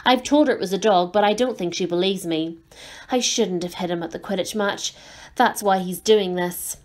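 Fretful storybook schoolboy done by a woman reader, high and strained, louder than her narration, tense and anxious. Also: normal speed, natural voice. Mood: worried. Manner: fretful, rising into alarm. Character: anxious injured schoolboy, panicky and complaining.

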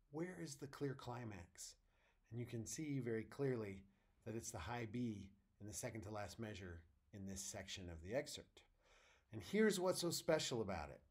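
A man's voice: medium pitch, darkish tone. Methodical male trumpet professor explaining. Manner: clear, methodical teacher's explanation; sings musical phrases in scat syllables to demonstrate. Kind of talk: instructional video on audition preparation.

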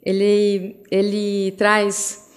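A middle-aged Brazilian woman giving an opening speech, telling stories about her daughters with lively acted-out voices and many restarts. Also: medium pitch, very slow. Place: event hall. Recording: long hall reverb.

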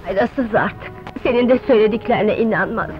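A heartbroken young wife, voiced by an actress, with a fairly high voice that sounds hopeless and tearful. It comes through a dull old film track with a clear orchestral score behind it. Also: female voice, fairly quick, soft background music, close to an everyday voice. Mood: despairing. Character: despairing young mother cast out by her husband. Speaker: film character. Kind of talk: dubbed 1970s film acting.

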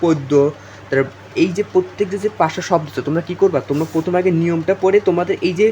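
Young male tutor, very fast delivery, slightly raised voice, repeats points to students, faint hiss. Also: high-pitched, mellow, lo-fi sound. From Bangladesh. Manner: repetitive, addresses students directly, many fillers. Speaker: exam tutor. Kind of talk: informal exam-prep lesson.

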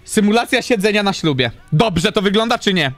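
A man streaming a role-play game, talking loudly and exasperated, swearing often. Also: high-pitched, animated, a little fast, soft background music. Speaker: streamer playing his character. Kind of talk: casual role-play gaming chat.

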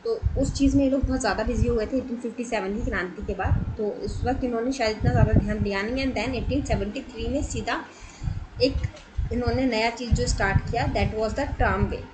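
Woman teacher explaining stuff to students, kinda high voice, lots of english words mixed in, noisy background hiss. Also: a little fast. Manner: mixes English words into explanation, addresses students directly with questions. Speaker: exam coaching teacher. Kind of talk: explanatory online lecture.

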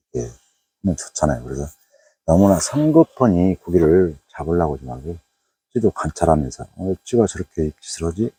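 A middle-aged man with a Jeolla Korean accent and a very low, dark, husky voice chats loosely through a night fishing vlog. He rambles along with plenty of fillers. The sound is dry and close. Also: no room sound. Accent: Jeolla Korean dialect. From Jeolla province, Korea. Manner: rambling, chatty, frequent "eo" fillers. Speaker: fishing YouTuber. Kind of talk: casual fishing vlog narration. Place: outdoors at a waterway at night.

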